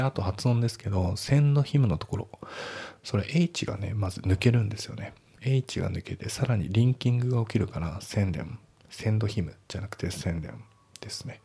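Man, English teacher, dark mellow tone, raspy, step-by-step exam lesson. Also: on the low side. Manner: breaks sentences down step by step with casual asides. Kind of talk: spoken exam-prep lesson.

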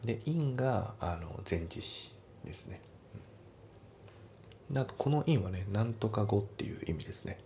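A man teaching English, patiently going over test answers and repeating pronunciations slowly, often dropping into whispery asides. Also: fairly low pitch, animated, warm tone, slight background noise.

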